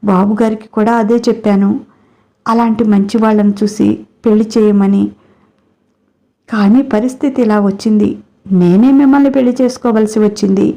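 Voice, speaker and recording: Woman doing a humble young servant-husband, polite and meek, mellow tone. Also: mid-range voice, steady tone, normal speed, long pauses, natural voice, poor audio. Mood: pleading. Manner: meek, deferential. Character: humble young male farmhand, deferential husband. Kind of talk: storybook character reading.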